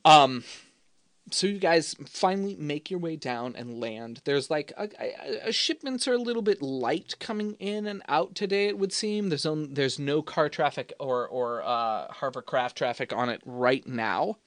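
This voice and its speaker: Rambling game master, dry sound. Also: male voice, on the high side, expressive, a little slow, fairly bright tone, dry recording. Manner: rambling, self-correcting narration. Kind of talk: narrating a tabletop game.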